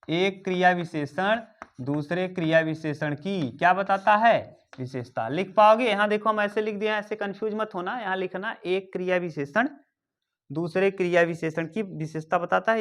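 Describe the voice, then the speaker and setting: A man's voice: sits high, fairly bright tone. Man teaching grammar, quizzing his class. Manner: repeats key terms, quizzes and dictates to students. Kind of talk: exam-prep grammar lesson.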